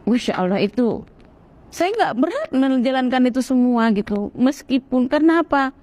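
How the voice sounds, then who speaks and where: Earnest, fairly high-voiced woman from Sumatra. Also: moderate pace. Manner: earnest, animated, acts out other people's voices in quotes. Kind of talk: personal testimony, storytelling.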